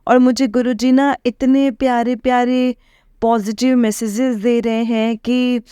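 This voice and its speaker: A woman's voice: fairly high pitch, little pitch movement, unhurried, warm tone, clear, resonant tone, no room sound, clean studio sound. A young woman, earnestly and emotionally sharing her devotional experiences with listeners, often addressing them directly. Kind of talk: personal devotional testimony.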